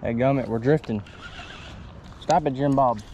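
A man's voice: medium pitch, moderate pace, dark tone, a little hiss or hum. A young man chatting casually to the camera as he fishes from a kayak on a creek, talking to the fish and using mild exclamations. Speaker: fishing vlogger. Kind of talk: casual running commentary. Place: small kayak on a wooded creek outdoors. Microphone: chest-mounted action camera.

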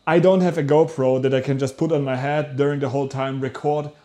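A young man from Germany talking casually to camera as a vlog host, telling his story in an animated, rambling way with self-corrections. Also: medium pitch, brisk. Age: young adult. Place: small rooms at home, indoors.

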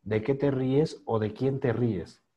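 A man teaching an online pronunciation class over a video call mic, patiently repeating words slowly for students to copy. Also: medium pitch, husky, dull audio. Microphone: computer microphone on a video call.

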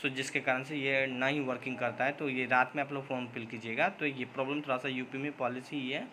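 On a low-quality recording with slight background noise, a man's mid-range voice sounds pushed and bright, delivered flatly. He hosts a job-update channel and rambles through viewer comments with many fillers, restarts, and English words, conceding he sometimes talks too fast.

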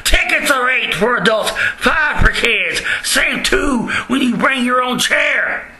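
A man's voice: very high voice, lively intonation, takes it slowly, bright, forceful tone. A middle-aged man bellowing a wrestling promo in an emphatic, hyped-up announcer style, recorded in a small room on a camera mic. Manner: bellowing, hype-filled, emphatic. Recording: roomy, slightly distant, faint noise.

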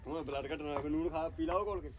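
A man's voice: a little high, fast talker, crowd noise. A man with a Punjabi accent chatting casually with others on a work site. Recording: very noisy outdoor recording with clicks.

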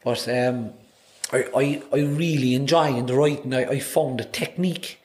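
A Cork-accented Irishman in his thirties, a singer-songwriter guesting on a podcast, speaks at a medium pitch and moderate pace with a slightly mellow tone. He chats casually, rambling through stories with lots of restarts and repeated words. It's a small indoor podcast studio, with a desk mic on a boom arm.

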